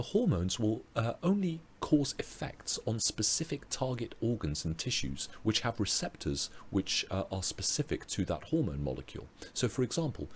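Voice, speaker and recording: A British man teaching a biology revision webinar, explaining step by step with fillers and restarts, his voice going hoarse. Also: fairly low pitch, a little mellow, slight background noise. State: losing his voice. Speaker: biology tutor. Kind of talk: online revision lecture.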